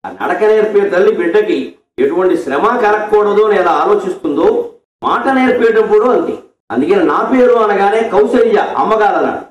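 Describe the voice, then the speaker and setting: High-voiced man giving an echoey devotional discourse. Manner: animated storytelling, mixes explanation with slow chanted verse. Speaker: spiritual discourse speaker. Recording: echoey, distant, dull lo-fi sound.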